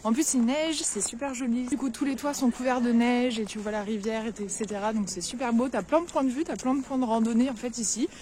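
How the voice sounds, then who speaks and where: Young woman vlogging outside, chatty, bit high voice, street noise behind. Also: a little fast, few pauses, warm tone. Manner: chatty, lots of fillers, addresses viewers directly. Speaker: travel vlogger. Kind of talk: casual travel vlog. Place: outdoors at a snowy castle and Christmas market.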